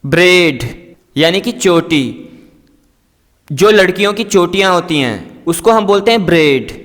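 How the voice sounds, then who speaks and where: Male English teacher, high voice, unhurried, patient word-by-word drill, echoey room. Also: lively intonation, a bit bright. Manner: repeats each word and its meaning twice, patient and explanatory. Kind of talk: slow vocabulary drill lesson.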